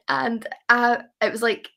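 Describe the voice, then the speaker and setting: A woman's voice: a little high, creaky, fairly bright tone. A woman chatting casually as a guest, gushing and repeating herself for emphasis. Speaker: interview guest. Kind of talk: casual chat.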